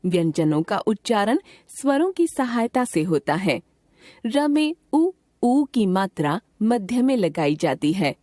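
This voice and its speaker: A woman reading a grammar lesson aloud, sounding out each letter slowly and deliberately. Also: medium pitch, sing-song, darkish tone, dry recording, studio quality. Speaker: grammar teacher. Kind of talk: scripted textbook narration.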